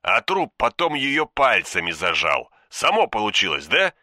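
A blunt, grumbling older police chief presses with hard questions, as a man reads him aloud. The voice is sharp and tense and jumps widely in pitch. It sits close and dry in an audiobook. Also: wildly swooping pitch, unhurried, dry recording, full character voice. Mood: grim. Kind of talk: audiobook reading.

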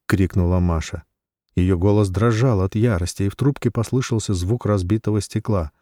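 Deep-voiced male story narrator. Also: dark tone, dry recording, clean studio sound. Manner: measured storytelling. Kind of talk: audiobook narration.

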